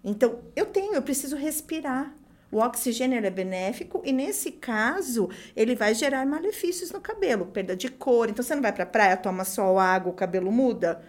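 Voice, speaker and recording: A woman's voice: fairly high pitch, lively intonation, a little fast. A woman with a Brazilian accent explaining as a guest trainer, emphatic and didactic, repeating key points. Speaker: guest hair-salon service trainer. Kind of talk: conversational explaining.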